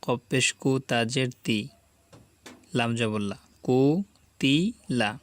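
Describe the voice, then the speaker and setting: A man teaching Quran reading, sounding out each syllable slowly and patiently and repeating it for learners to echo. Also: medium pitch, fairly even intonation, fairly bright tone. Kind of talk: slow spelling drill lesson.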